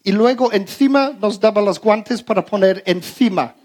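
A man's voice: high-pitched, moderate pace. A man casually telling a funny anecdote to his audience, stumbling over his words, restarting often and laughing as he goes. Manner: many fillers and repeated words. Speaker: storyteller talking to his audience.

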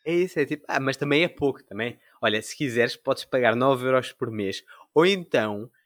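A young man with a European Portuguese accent talks casually at a middle pitch. The recording is close and dry. He rambles through anecdotes in slangy speech, voicing imagined lines as he goes. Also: animated, normal speed, no echo. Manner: slangy, acts out imagined dialogue.

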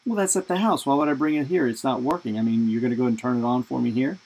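A man putting on his pushy, foul-mouthed father with a Boston accent, gruff and sarcastic, in a told story. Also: mid-range voice, fast talker, a little mellow, poor audio. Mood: scheming.

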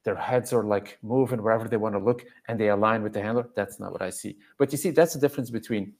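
Appearing as a guest on a podcast, a dog trainer and coach from Belgium talks fast in a low, slightly mellow voice. English isn't his first language. He chats casually but explains at length, driving his points home emphatically.

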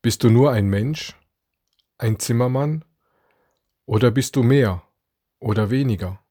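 Male preacher, unhurried scripted devotional reading, dry booth-like sound. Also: medium pitch, mellow, no echo. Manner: slow, deliberate reading with dramatic quoted lines. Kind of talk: read Advent devotion.

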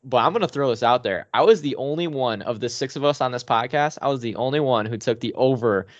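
A man's voice: mid-range voice, fast, dry recording. Guy hosting a casual sports podcast, upbeat and punchy phrasing, kinda dull lo-fi mic, no room sound. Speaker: podcast host.

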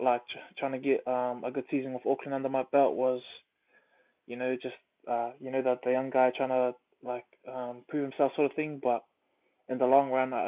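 Nz rugby guy in his 20s, chill interview chat, flat delivery, phone-quality audio. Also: mid-range voice. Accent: New Zealand. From New Zealand. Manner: laid-back, many fillers and restarts. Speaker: professional rugby player, guest. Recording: tinny phone-like line.

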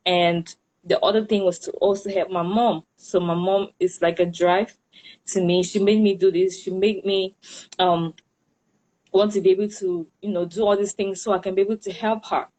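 A woman with a Cameroonian accent speaks as a guest in a casual interview. Her voice sits at a medium pitch. She feels her way through answers, restating phrases as she explains. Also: steady tone, moderate pace, darkish tone, rough recording. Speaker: interview guest, hairstylist and entrepreneur.

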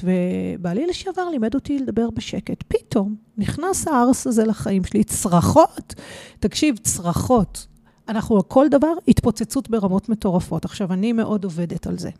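A woman guest talks through a personal story on a podcast, leaning hard into her points. Her voice is mellow and low in brightness, with a medium pitch. The recording is dry and close. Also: no echo. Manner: animated, emphatic personal storytelling.

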